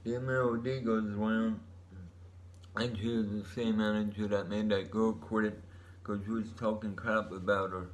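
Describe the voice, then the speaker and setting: Man, low voice, casual solo vlogger; laid-back stoner-style delivery, meandering and unscripted. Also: flat delivery, normal speed. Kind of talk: rambling casual monologue.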